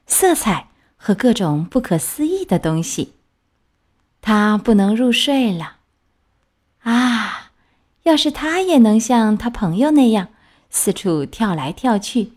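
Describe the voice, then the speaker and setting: A woman gently reading a children's story aloud in an expressive way. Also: fairly high pitch.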